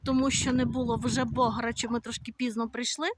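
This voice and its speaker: Strolling outdoors along resort streets with a handheld phone, a Ukrainian vlogger talks in a chatty, conversational way, using fillers. Her voice sits on the high side with little pitch movement and a slightly fast pace, and the background is noisy.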